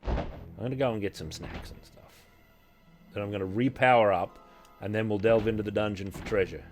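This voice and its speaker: Aussie guy streaming a game, kinda low voice, rambly and jokey, game music going behind him. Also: a little fast. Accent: Australian. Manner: rambling, joking, chatting with viewers. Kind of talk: casual live game stream chat.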